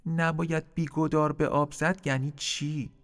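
A man's voice: a little high, flat delivery, soft background music, pitched above the performer's own voice, close to an everyday voice. A man doing an eager little baby crow. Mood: curious. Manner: eager, questioning. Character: small curious baby crow.

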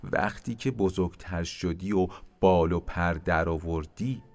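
A man's voice: sits low, darkish tone, soft background music, voice pushed down. A man playing a patient mother crow. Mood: gentle. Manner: patient, instructive. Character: careful, gentle mother crow.

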